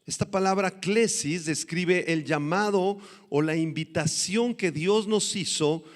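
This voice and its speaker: A male pastor preaching a sermon with emphasis, slowing down to stress scripture verses. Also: high voice, long reverb tail.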